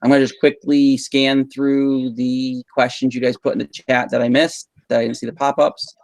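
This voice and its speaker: A man's voice: mid-range voice, little pitch movement, normal speed, gravelly, darkish tone, no room sound. A man running a live online training session for teachers, patiently explaining tools with frequent um fillers. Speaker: instructional technology trainer. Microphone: video call mic.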